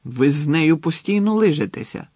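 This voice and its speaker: A man's voice: fairly high pitch, lively intonation, moderate pace, a little mellow, dry recording, clean studio sound, voice pushed up. A man voicing a puzzled, sensible teenage boy who keeps asking questions, reading a storybook aloud. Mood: baffled. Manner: baffled, questioning.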